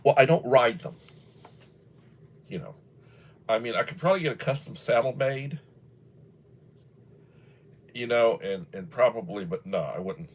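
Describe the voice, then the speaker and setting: With a mid-range, animated voice, a livestream host in his early sixties reads viewer comments aloud, chatting casually in a rambling, folksy way. He keeps a measured pace and pauses often.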